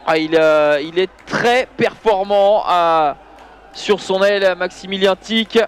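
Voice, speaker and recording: High-pitched man commentating a handball match. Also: slow, a faint crowd, a little hiss or hum. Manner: excitable, voice surging on big plays. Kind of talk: live sports commentary over match highlights.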